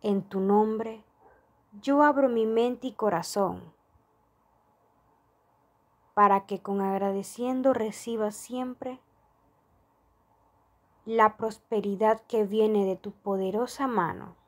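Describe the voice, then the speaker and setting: A woman reads a prayer and money affirmations aloud, taking her time over every phrase. Her voice sits at a middle pitch and stays soft and devotional. The pace is slow and unhurried. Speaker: prayer reader.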